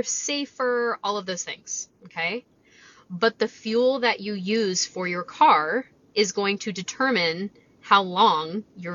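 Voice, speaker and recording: A woman's voice: mid-range voice, a bit bright. Woman podcasting casually, slightly dull lo-fi sound. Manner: conversational, explanatory, uses rhetorical questions. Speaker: fitness coach and podcast host. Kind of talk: casual solo podcast talk, coaching advice. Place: inside a parked car in the rain. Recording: slightly dull lo-fi car recording.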